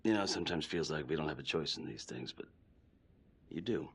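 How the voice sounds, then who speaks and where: An actor playing a measured, reassuring male police chief talking to his detective in a video game cutscene. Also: rumbling low, animated, a bit bright, slightly rough, heavily acted. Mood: steady. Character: stern but supportive male police chief. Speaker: police superior.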